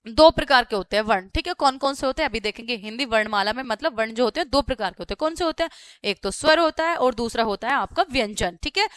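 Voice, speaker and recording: A woman with a slightly high, bright voice teaches children a grammar lesson step by step, speaking fast with lively intonation. She poses questions and answers them herself, sounds out words letter by letter, and keeps checking in with "ठीक है" (okay). The studio recording is clean, with no room sound.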